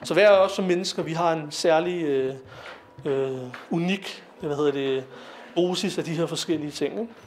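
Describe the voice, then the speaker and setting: A man's voice: a little high, darkish tone, a little hiss or hum. A young man giving an informal lecture to young people, talking conversationally with fillers and asking his listeners questions. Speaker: lecturer on Sikh philosophy.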